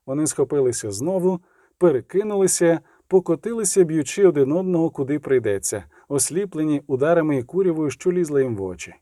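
A man narrating a fantasy audiobook in a steady, dramatic storytelling manner. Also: on the high side, a little fast, no room sound, clean studio sound.

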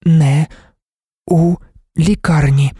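A man's voice: a little high, fairly even intonation, extremely slow, dark tone, breathy edge, no room sound, clean studio sound, voice pushed up, heavily acted. A man voicing a terse, caring woman with clipped, choppy speech in a storybook reading. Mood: urgent.

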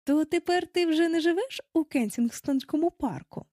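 A woman's voice: extremely high pitch, moderate pace, warm tone, no room sound, clean studio sound, pitched above the performer's own voice. A woman reading an audiobook, voicing a curious young girl who asks question after question. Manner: wide-eyed, full of questions.

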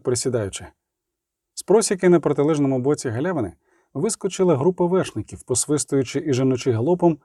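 A man reading a story aloud as narrator, in a measured, expressive way, close to the mic. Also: mid-range voice, no room sound. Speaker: audiobook narrator. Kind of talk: scripted narration.

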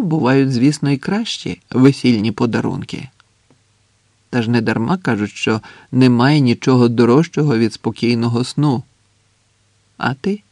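A man's voice: medium pitch, creaky, no echo. Give me a tender young man murmuring to his sleeping beloved, as a male narrator reads him. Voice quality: hushed, barely audible.

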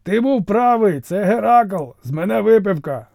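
A man's voice: a little high, moderate pace, mellow, no echo, studio quality, voice pushed up, lightly acted. A man voicing a boisterous, jovial, mighty Thracian warrior in an audiobook, brash and good-natured. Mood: shouting.

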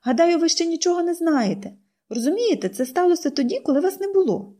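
A woman's voice: very high voice, animated, fast, mellow, pitched above the performer's own voice. A woman reading an audiobook, voicing an eager, pleading young girl. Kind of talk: audiobook character voice.

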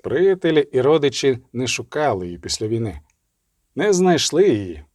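Quiet stern witcher, voiced by a man, resolute, measured, dry sound. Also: mid-range voice, sing-song, no room sound.

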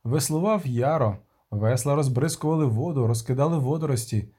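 A man narrating an audiobook with a steady, measured reading. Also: medium pitch, husky.

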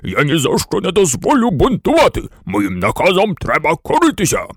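A man voicing a pompous, bossy toy general in a storybook, barking in a loud, commanding way. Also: on the high side, wildly swooping pitch, moderate pace, slightly rough, no echo, studio quality, exaggerated voice. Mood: indignant.

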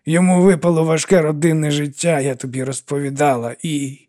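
A man's voice: fairly high pitch, fairly even intonation, brisk, dark tone, voice pushed up, natural voice. A man voicing an older woman who scolds and mothers a troubled girl in an audiobook. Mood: stern. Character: older woman, stern yet kindly widow.

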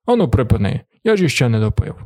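Brief: man playing a gruff male miner, grumbling, husky voice, audiobook. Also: medium pitch, big pitch swings, fast talker, darkish tone.

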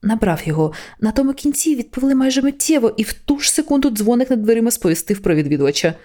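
A woman narrating an audiobook in a lively, wry storytelling manner. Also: a little high, very fast. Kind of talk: scripted narration.

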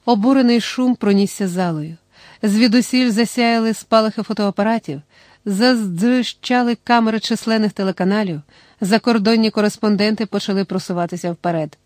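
A woman narrating a novel as an audiobook in a steady storytelling manner. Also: medium pitch, a little fast, no room sound.

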